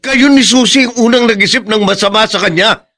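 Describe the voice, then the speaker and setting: A man's voice: mid-range voice, sing-song, normal speed, background noise, close to an everyday voice. An actor playing Berong, a stubborn older man in love. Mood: angry. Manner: tender then angrily defensive. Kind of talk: radio drama acting.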